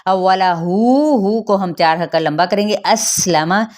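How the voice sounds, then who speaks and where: A woman with a Pakistani Urdu accent teaching tajweed, explaining pronunciation rules step by step and reciting verses slowly. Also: on the low side, steady tone.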